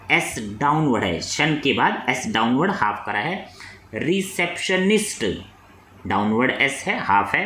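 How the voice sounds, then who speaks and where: A male teacher explaining a lesson, with a lively pitch that rises and falls. He reads each English rule slowly, then explains it. The recording is roomy and echoey, with a faint hum of ambience behind him. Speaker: shorthand teacher.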